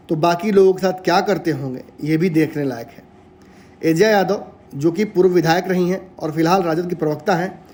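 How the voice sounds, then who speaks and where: Male news anchor, high pitch, mellow tone, measured emphatic commentary.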